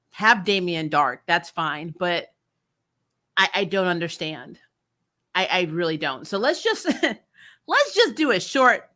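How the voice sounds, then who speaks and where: With a low-leaning, sharp-toned voice, a woman running a TV review channel delivers a casual, opinionated recap and rant. She is blunt, sarcastic and exasperated, and she swears now and then.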